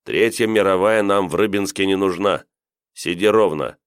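A man reading an audiobook, voicing a gruff, irritated male KGB chairman who gives curt, commanding orders over the phone. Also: deep voice, normal speed, dry recording, clean studio sound. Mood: stern. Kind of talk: audiobook character voice.

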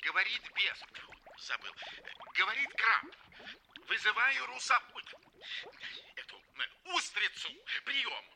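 A man's voice: sits high, sing-song, slow pace, gravelly, long pauses, pushed and bright, exaggerated voice. A man voicing a bumbling, forgetful crab henchman who calls in over a two-way radio. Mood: urgent. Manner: clipped radio call-sign talk, forgets his own code name. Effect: heard over a two-way radio. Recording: noisy crackling radio transmission.

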